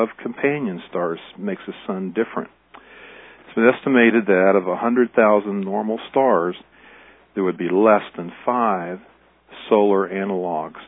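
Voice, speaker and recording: A man's voice: deep voice, no room sound. A man explaining science as an expert in a documentary interview. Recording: dry, narrow phone-like radio sound.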